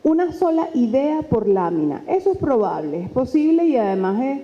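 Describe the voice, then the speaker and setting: A woman lecturer, talking lively and conversationally into a microphone and acting out quoted dialogue. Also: high-pitched, moderate pace. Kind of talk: lecture on presentation skills. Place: lecture hall. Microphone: handheld microphone. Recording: dull sound with long hall reverb.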